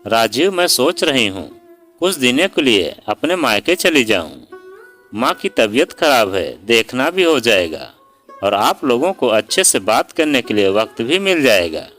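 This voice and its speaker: A man's voice: medium pitch, big pitch swings, a little slow, a bit bright, soft background music. A man voicing a hurt, outspoken young daughter-in-law in a storybook reading, speaking sharply and sarcastically. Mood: bitter. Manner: sarcastic and pleading by turns.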